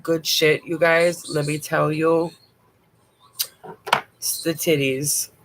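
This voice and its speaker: In a rough recording, a woman speaks slowly in a low, level voice. She's a makeup vlogger with a bad cold, doing a casual livestream product review, chatty, blunt and dropping casual swear words.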